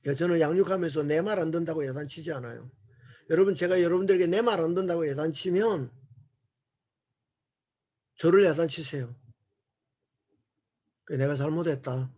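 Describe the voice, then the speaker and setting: Earnest male church lecturer, high and husky, on a muffled lo-fi recording. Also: fairly quick, long pauses, darkish tone. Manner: earnest, asks the audience rhetorical questions. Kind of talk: sermon-like lecture.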